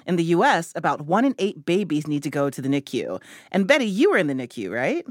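A woman hosting a children's podcast, chatting and asking questions in a lively way. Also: deep voice, quick pace, no room sound, clean studio sound. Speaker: podcast host. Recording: music behind the voice.

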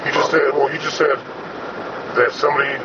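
A man with an electronically disguised deep voice answers questions in hesitant street slang, as an informant in a recorded interview. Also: level tone, brisk, recorded from a distance. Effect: voice altered to hide identity. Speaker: police informant being questioned. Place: inside a parked minivan. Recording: muffled, very noisy field recording in vehicle.

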